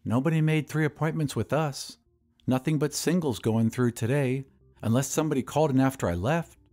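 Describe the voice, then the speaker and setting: A man's voice: mid-range voice, a little fast, darkish tone, faint music behind, close to an everyday voice. A man voicing a demure, shy and admiring woman in an audio drama. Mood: matter-of-fact.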